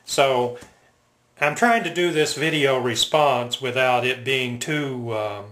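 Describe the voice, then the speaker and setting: Older man reminiscing slowly, roomy echo. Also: mid-range voice, fairly bright tone. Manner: halting, reflective, unscripted delivery. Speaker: military veteran reminiscing. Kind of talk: casual personal storytelling to camera. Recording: roomy, echoing home recording.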